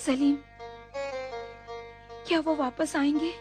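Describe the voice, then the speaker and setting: A very high, pleading young woman. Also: steady tone, slow, a little mellow, faint music behind. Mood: reproachful. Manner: pleading, reproachful. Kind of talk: Urdu film dubbing.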